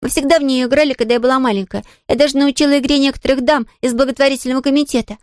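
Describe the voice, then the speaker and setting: A woman reading an audiobook, voicing an eager, chatty little orphan girl who is quick to reassure others. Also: sits high, steady tone, darkish tone, no echo, studio quality, voice pushed up, lightly acted. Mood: bright.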